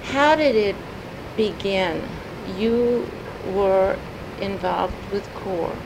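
A woman conducting a recorded oral history interview, phrasing her questions carefully and with pauses. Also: expressive. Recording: noisy tape with humming room rumble.

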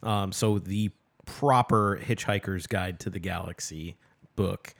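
A man's voice: sits low, slow. A man co-hosting a casual book podcast, rambling with lots of fillers and restarts. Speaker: podcast co-host.

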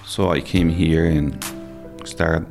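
A man in his fifties with a Salvadoran Spanish accent and a very low voice tells his story in English, his second language. He pauses often, repeats words and restarts his sentences as he feels for the phrasing. Plucked guitar music plays clearly behind him. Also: fairly even intonation. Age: 50s. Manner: halting, searching for words, many fillers and restarts. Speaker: interview guest. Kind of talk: personal interview.

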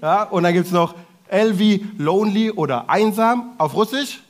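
A man preaching to a congregation in a lively way, talking directly to the audience with playful asides. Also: sits high, normal speed. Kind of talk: sermon to a congregation.

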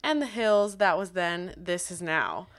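A woman's voice: fairly low pitch, animated, unhurried, no echo. A woman co-hosting a pop culture podcast in an informal, conversational style. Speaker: podcast co-host. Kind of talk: casual pop culture chat.

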